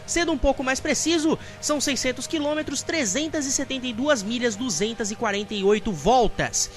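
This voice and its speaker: A man with a Brazilian accent hosts a motorsport talk show. His voice is strikingly high for a man as he presents and hands over to colleagues. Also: brisk, soft background music. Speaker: host.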